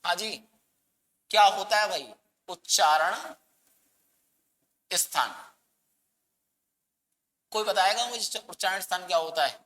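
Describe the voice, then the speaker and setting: A man's voice: sits high, a little fast, fairly bright tone, long reverb tail. A man teaching a grammar lesson, asking the class questions and answering them himself, and coaxing students to say sounds aloud.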